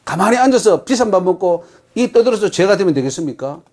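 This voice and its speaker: A man's voice: high-pitched, lively intonation, quick pace, a little mellow. A man with a Gyeongsang accent preaching a sermon as pastor, emphatic and putting rhetorical questions to the congregation. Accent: Gyeongsang Korean.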